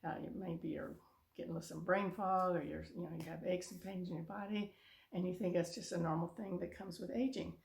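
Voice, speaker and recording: Gravelly-voiced woman in her seventies. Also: lowish voice, steady tone, fairly quick, darkish tone, roomy sound. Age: 70s. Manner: earnest, encouraging, rambling. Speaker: vlogger. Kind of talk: casual motivational talk to camera.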